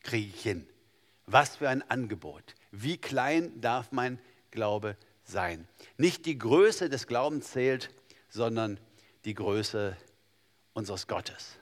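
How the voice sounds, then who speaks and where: A man preaching a sermon to his congregation, swinging between loud, emphatic bursts and quiet, hushed passages. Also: mid-range voice, animated, slow pace. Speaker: pastor. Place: church hall. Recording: long hall reverb.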